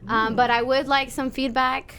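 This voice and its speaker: Relaxed woman podcast co-host. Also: high-pitched, normal speed, a crowd in the background. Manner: relaxed, uses "like" and "um" a lot, prompting the guest. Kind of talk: casual chat.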